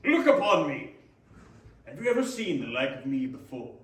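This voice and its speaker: In an echoey room, away from the mic, a man performs a jovial giant ghost of Christmas. The voice booms in grand theatrical declamation and swings high and wide in pitch. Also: very animated, moderate pace. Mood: commanding, jovial. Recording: echoey room, distant mic, faint noise.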